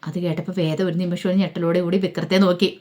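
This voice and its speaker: A woman retelling a story in a rapid, conversational spoken recap. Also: fairly low pitch, level tone, dark tone.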